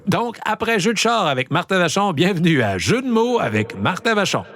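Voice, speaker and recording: A man's voice: high-pitched, sing-song, normal speed, a bit bright, no room sound, studio quality. A man with a Québécois accent hosting a show, delivering a comedic monologue with playful, exaggerated punchlines. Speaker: host.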